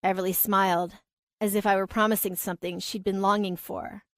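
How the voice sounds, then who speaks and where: A woman narrating a romance audiobook in a calm, even storytelling manner. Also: mid-range voice, fairly quick, no room sound, studio quality. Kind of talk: scripted narration.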